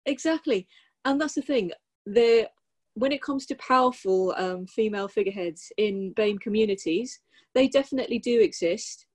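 A woman's voice: fairly high pitch, normal speed, husky. Thoughtful woman with a wry tone. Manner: thoughtful and wry, lots of ums. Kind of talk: casual chat.

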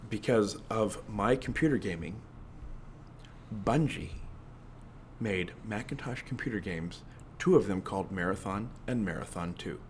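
A man's voice: on the low side, unhurried, long pauses, slight background noise. A man co-hosting a casual gaming podcast, talking eagerly with some hesitations. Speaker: podcast co-host. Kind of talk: casual chat.

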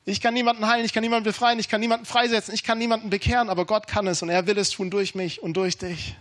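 High-voiced emphatic male preacher. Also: little pitch movement, very fast. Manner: emphatic, informal, swings between urgent and hushed. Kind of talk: sermon.

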